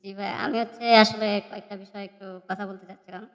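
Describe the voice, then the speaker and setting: A man's voice: sits high, level tone, fast, a bit bright. Man caller with a cathedral-echo voice disguiser. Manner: hesitant, many fillers and restarts. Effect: voice disguiser with heavy cathedral echo. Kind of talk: live call-in debate. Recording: cathedral echo, distant call audio.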